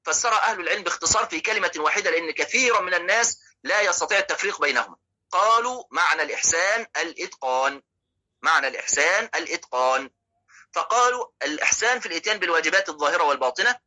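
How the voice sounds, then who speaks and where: A man's voice: a little high, sharp tone, rough recording. A man with an Egyptian accent giving a religious lesson on hadith, explaining step by step, asking rhetorical questions and checking that his listeners follow. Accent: Egyptian Arabic. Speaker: religious teacher.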